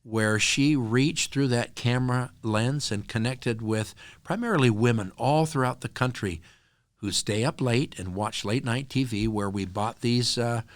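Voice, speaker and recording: A man guest on a podcast, telling stories in an earnest, animated conversational way. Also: medium pitch, a little slow, dry recording. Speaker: podcast guest, nonprofit co-founder. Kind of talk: conversational interview storytelling.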